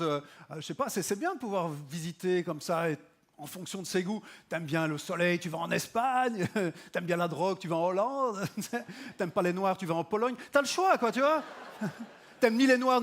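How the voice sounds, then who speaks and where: A man from Belgium performing a stand-up comedy set on stage, with ironic, mock-earnest asides and halting restarts timed for laughs. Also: sits high. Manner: halting restarts used for comic timing.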